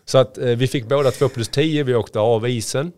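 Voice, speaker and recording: A man's voice: mid-range voice, a little mellow, clean tone. A man in his forties, a former player turned coach, telling anecdotes in a casual podcast and acting out what others said.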